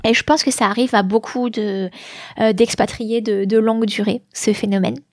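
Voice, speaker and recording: A woman's voice: fairly high pitch, steady tone, normal speed, no room sound. A woman from France hosting her podcast in a casual, hesitant monologue with many fillers, on a large studio mic. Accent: French with slight English influence. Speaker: podcast host. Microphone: large studio mic with headphones.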